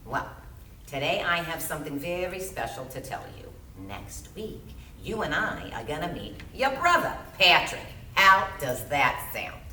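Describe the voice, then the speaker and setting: A woman's voice: sits low, big pitch swings, unhurried, sharp tone, slight background noise, voice pushed down, heavily acted. A woman acting out a chirpy social worker who talks sweetly down to a small child, on an echoey stage heard from a distance. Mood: bubbly. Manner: bubbly, talking down sweetly to a child.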